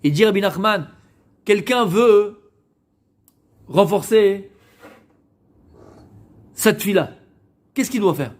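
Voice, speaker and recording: A rabbi teaching a Torah class to women. He asks the class questions, answers them himself, and repeats words while he searches for the next one. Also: high-pitched.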